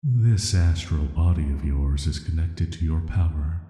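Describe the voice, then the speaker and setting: In a sleep-aid audio roleplay, a man plays an ancient cursed villain with a bass voice, speaking a little slowly. His delivery is soft, flat, soothing and intimate, flirty yet dangerous. The recording is echoey with long reverb.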